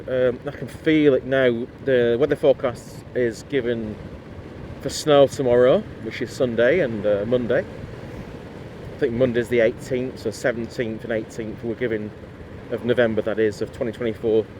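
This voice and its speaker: A middle-aged Northern English man chats bluntly and rambles as he rides a motorcycle. His voice sits at an ordinary middle pitch. Faint traffic and road noise hum behind him on a helmet mic. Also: fairly even intonation, moderate pace, a little mellow. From Lancashire, England. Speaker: motorcycle vlogger. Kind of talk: casual talk while riding. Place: outdoors riding a motorcycle in the cold.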